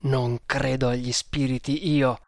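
A man voicing a brave, defiant male hunter in a storybook reading, speaking low and steady. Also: measured pace, vocal fry, no room sound, studio quality. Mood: resolute.

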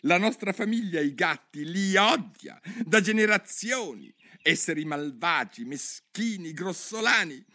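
A man reading a storybook aloud, voicing a touchy, easily offended little mouse with a shrill, squeaky voice. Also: expressive, measured pace, pushed and bright, exaggerated voice. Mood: indignant.

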